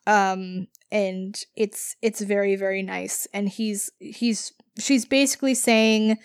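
A woman's voice: mid-range voice, fairly even intonation, takes it slowly, clear, resonant tone, dry recording, clean studio sound. A woman co-hosting a podcast, recapping a book in a casual, rambling way full of fillers. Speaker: podcast co-host.

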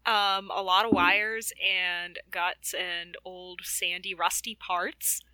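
Woman, tabletop player, bright tone, slow pace, giggly, dry close recording. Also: on the low side, level tone, clean tone, no echo. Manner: giggly and playful. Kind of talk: casual tabletop game chat.

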